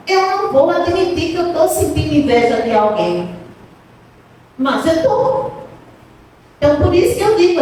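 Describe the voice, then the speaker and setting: A woman's voice: sits high, a little mellow. A woman giving a conversational spiritist talk, asking the audience questions as she goes. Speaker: spiritist lecturer. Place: spiritist center hall. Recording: echoey hall, distant mic, faint noise.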